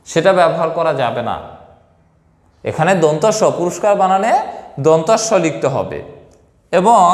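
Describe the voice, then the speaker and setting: Man, teacher, spelling lesson, fairly high voice, long reverb in the room. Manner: lively, addresses viewers directly, repeats words slowly.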